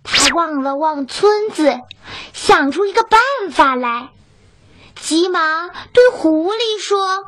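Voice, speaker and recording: A woman narrating a children's story in a slow, expressive, sing-song way. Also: very high voice.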